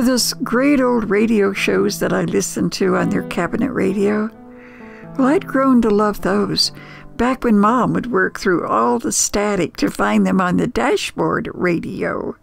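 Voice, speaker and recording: This older storyteller from the U.S. has an American accent and a gravelly, medium-pitched voice, with soft background music. She reminisces in the first person, thoughtful and chatty, never rushing and leaving pauses.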